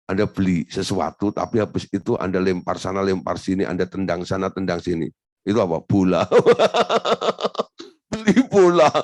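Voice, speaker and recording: A male pastor preaching a sermon, quizzing the congregation with rhetorical questions and jumping into high emphatic bursts. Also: a little mellow, no echo.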